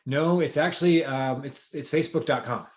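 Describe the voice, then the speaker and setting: A man talking through plans on a video call, measured and a bit hesitant. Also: mid-range voice. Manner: measured, hesitant explanations with fillers. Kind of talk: casual Zoom conversation. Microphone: computer mic on video call. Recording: dull, roomy video-call audio.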